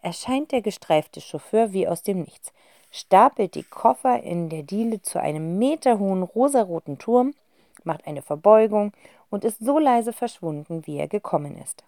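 Woman reading a kids' audiobook, really animated, dry close sound. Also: medium pitch, normal speed, dry recording. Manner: lively, expressive storytelling. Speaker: narrator.

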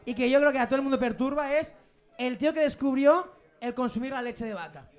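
Man, pub podcast co-host, high voice, rambling jokes. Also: fast. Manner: joking, rambling asides. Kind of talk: casual live podcast banter.

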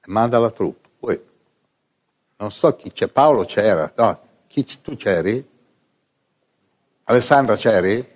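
A man telling funny anecdotes to an audience in a lively, casual way, often imitating other people's voices. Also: on the low side. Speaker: storyteller.

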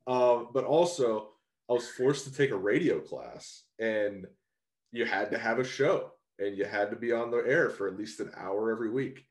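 A young man hosting a casual interview, rambling and relaxed with lots of fillers. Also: on the low side, moderate pace. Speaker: podcast host. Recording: roomy echo.

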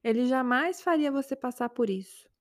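A woman's voice: sits high, expressive, normal speed, no room sound, studio quality. A woman voicing a young man, a jealous and hot-tempered boyfriend who argues defensively with his girlfriend in a spoken story. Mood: defensive, angry. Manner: defensive, quarrelsome.

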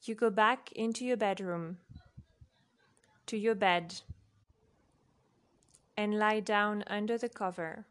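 In a soft, unhurried voice, a woman guides listeners through a relaxation for sleep. She speaks very slowly in short phrases separated by long pauses, her pitch sitting in a medium range.

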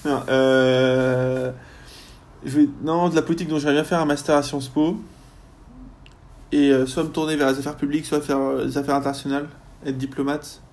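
Young guy student, bit of a rough gravelly voice, casual interview chat, lots of euhs. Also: mid-range voice, flat delivery, moderate pace, a little mellow. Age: young adult. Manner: chatty, lots of hesitations and fillers. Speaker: university student guest.

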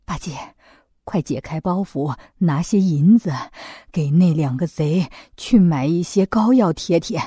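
A woman voicing a gentle, anxious monk in a children's storybook audio, lower and softer than her narration. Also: a little slow, slightly rough, no echo, studio quality.

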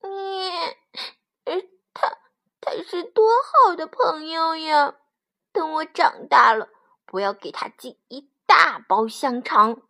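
A woman's voice: very high-pitched, lively intonation, unhurried, creaky, fairly bright tone, pitched above the performer's own voice, full character voice. A woman voicing a sweet, timid little male lamb in a storybook read-aloud, with earnest, tearful pleading.

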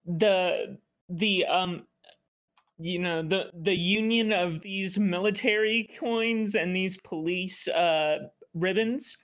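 A man's voice: high voice, steady tone, takes it slowly, fairly bright tone. A man co-hosting a casual podcast chat, tossing in dry joking quips.

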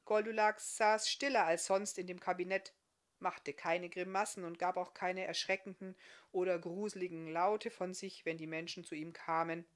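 A woman author reading her fairy-tale novel aloud in an expressive, lively storytelling manner. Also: lowish voice, moderate pace.

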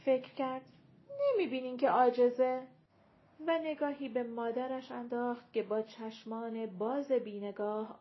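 A woman narrating a short story in a calm, even reading voice. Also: on the high side, muffled recording. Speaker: audiobook narrator.

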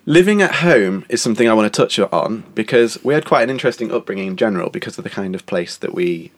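A young man hosting his podcast talks fast with lively intonation, his voice on the low side. He's casual and chatty, laughing between phrases while a cough lingers. He's recording indoors at a countryside house, and the sound is dry.

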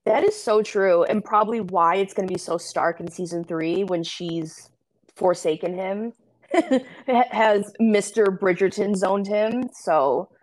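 A woman's voice: medium pitch, a little slow, low-quality recording. A woman co-hosting a podcast, chatting casually with lots of fillers and giggles, rambling a little. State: high. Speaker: podcast co-host. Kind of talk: casual chat.

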